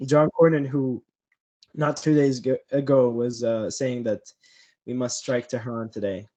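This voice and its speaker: A man's voice: mid-range voice, fairly even intonation, unhurried, mellow. A man hosting a casual political podcast chat, speaking sarcastically and chuckling mid-sentence.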